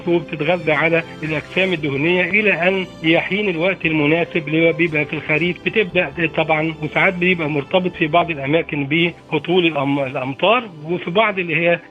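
An Egyptian man explaining informally as an expert, halting often over filler phrases. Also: on the high side, a bit bright. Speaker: expert interviewee. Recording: narrow, phone-like sound. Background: faint music.

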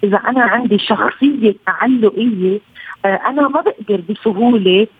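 Lebanese woman over a low-quality tinny stream. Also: brisk, husky, no echo. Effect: low quality remote audio stream. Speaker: psychoanalyst and family counselor guest. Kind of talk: explanatory interview answers. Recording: tinny phone-like remote line.

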